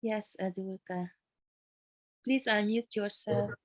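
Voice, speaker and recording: Soft-spoken woman teaching over video call. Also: mid-range voice, slow pace, no room sound. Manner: soft encouraging murmurs, relaxed explaining. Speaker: qigong teacher. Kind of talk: leading an online group class.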